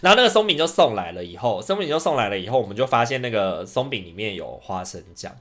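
A man, co-hosting a casual podcast and retelling a story in an animated, indignant way. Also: fairly low pitch, quick pace. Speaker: podcast co-host.

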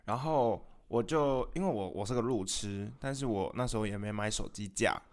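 A man's voice: lowish voice, moderate pace. A man, a podcast co-host who teases his partner in casual chat. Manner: teasing banter.

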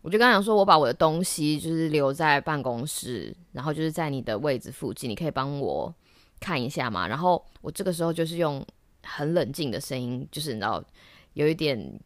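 A woman chats through a story on her podcast, her voice sitting low but leaping widely up and down as she gets excited. She laughs often and drops into English now and then. The sound is close and dry, with no room echo. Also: fairly quick. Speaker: podcast host. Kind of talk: casual storytelling monologue. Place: office during lunch break.

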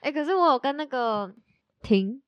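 A woman's voice: high voice, expressive, normal speed, no echo, dull audio. A young woman, co-hosting a podcast in frank, chatty casual talk. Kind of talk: casual chat.

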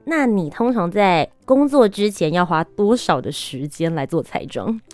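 语调活泼多变的女主持人. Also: female voice, fairly low pitch, lively intonation, normal speed, darkish tone, soft background music. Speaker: host. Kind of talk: scripted-style show hosting and interviewing.

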